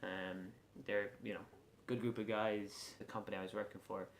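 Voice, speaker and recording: A low-voiced young man with a west of Ireland accent, speaking casually as a player being interviewed. He pauses often to find his words. The room is echoey, with faint noise behind him. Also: flat delivery. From Galway, west of Ireland.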